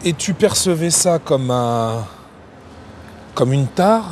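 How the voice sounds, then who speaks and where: A man's voice: fairly high pitch, lively intonation, slow, a little mellow, a little hiss or hum. A man interviewing a guest in a casual, informal way, prompting him with short replies.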